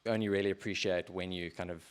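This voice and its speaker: A man speaking as a podcast guest in a casual interview, measured and hedging with many filler phrases. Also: low voice, steady tone, smooth. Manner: measured, hedging with "sort of" and "kind of".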